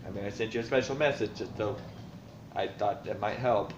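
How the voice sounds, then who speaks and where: Low-voiced man rambling in a roomy room. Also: brisk, noisy background. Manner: rambling, thinking aloud with many fillers. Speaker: dungeon master. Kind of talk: casual rambling vlog. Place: room at home. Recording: roomy, dull lo-fi home recording.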